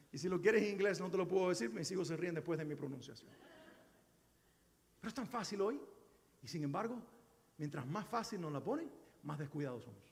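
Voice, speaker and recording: A man's voice: sits high, animated, a little fast, vocal fry, pauses often, a little hiss or hum. A middle-aged male pastor preaching a sermon, earnest and exhorting, with many rhetorical questions. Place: church sanctuary. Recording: echoey church hall.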